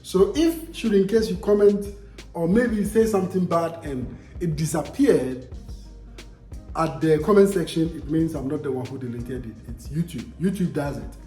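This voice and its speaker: A young Ghanaian man, speaking with a Ghanaian accent at a moderate pace, has a dark-toned voice on the high side. The sound is roomy, with faint background music, as he casually vlogs and emphatically replies to viewer comments, repeating himself and asking rhetorical questions.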